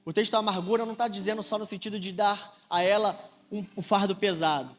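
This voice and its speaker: A man's voice: high voice, steady tone, fairly quick, a bit bright. A young man with a Rio de Janeiro Brazilian accent preaching a sermon, telling earnest personal stories with rising emphasis. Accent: Brazilian Portuguese, Rio de Janeiro. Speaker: deacon preaching. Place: large church hall. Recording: long church reverb.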